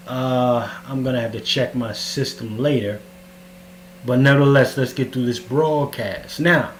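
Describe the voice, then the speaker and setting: A man hosts a live stream in a casual, upbeat way, shouting out his supporters. His voice booms back with a heavy cave-like echo, as if he is in a bare hollow room. A faint hum runs underneath. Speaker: livestream show host. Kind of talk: casual live broadcast talk.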